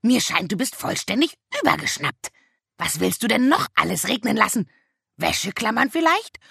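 A reader voicing a wise, blunt male talking raven with a shrill, croaking voice in an audiobook. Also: big pitch swings, moderate pace, pushed and bright, no echo, studio quality, heavily acted. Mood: scolding. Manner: reproachful, blunt. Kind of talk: audiobook reading.

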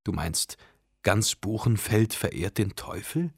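A man's voice: lowish voice, lively intonation, slow, creaky, slightly rough, no room sound, heavily acted. A man reading an audiobook, voicing a frightened but stubborn young man in a voice close to his own. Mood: hushed.

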